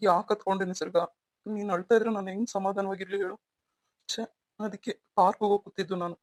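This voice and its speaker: A woman voicing a young husband who is protective toward his wife and quick to anger at a rival, in a melodramatic audio story. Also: mid-range voice, steady tone, heavy background noise, close to an everyday voice. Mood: tender.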